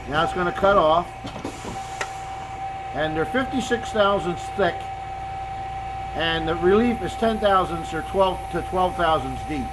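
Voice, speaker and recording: An older man talks as a machinist explaining a process step by step. His voice sits somewhat high for a man, and his delivery is plainspoken and casual. There is obvious machine shop noise around him. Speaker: machinist demonstrating his lathe. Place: indoor home machine shop. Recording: noisy machine shop background. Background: running machinery noise.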